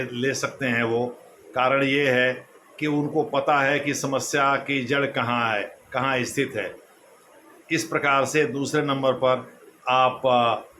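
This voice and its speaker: In a classroom lecture, a male civil services exam coach explains each point and then restates it in other words, slowing down to emphasize quotes. His mid-range voice sounds pushed and bright, with slight background noise.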